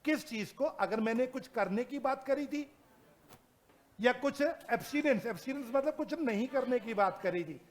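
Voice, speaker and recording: A male teacher with a very high-pitched voice gives a lively classroom lecture in a mix of Hindi and English. He constantly asks his students questions and reads legal definitions out slowly.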